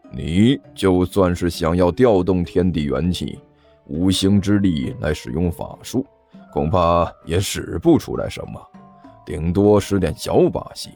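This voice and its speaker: A man voicing an older male sect master, sly and coaxing, speaking slowly and placatingly in a storytelling narration. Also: low voice, gravelly, warm tone, pitched below the performer's own voice, exaggerated voice. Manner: slow, drawn-out, placating. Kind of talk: storytelling narration with character voices.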